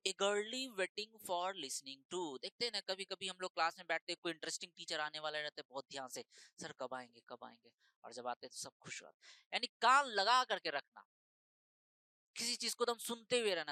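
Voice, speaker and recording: Female tutor, exam-prep lecture, bright clear voice, dry close recording, slow over English text. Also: on the low side, no echo, poor audio. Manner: explains in Hindi mixing in slow English phrases, repeats points. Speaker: teacher.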